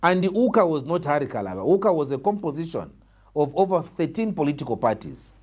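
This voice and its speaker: An opposition party politician with a Zambian accent appears as a guest, giving argumentative political answers and repeating phrases for emphasis. His voice is fairly high and a little mellow, with big pitch swings, and he talks fast.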